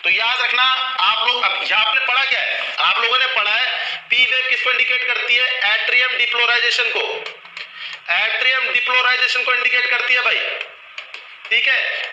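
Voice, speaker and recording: A man with a high, very bright voice gives a live online nursing lesson in an echoey room. He keeps asking his students questions and answers them himself, over and over. His pitch stays fairly level. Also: level tone, brisk, dull audio, a little hiss or hum. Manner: repetitive question-and-answer teaching, addressing students as children. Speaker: nursing teacher. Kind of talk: live online class lecture.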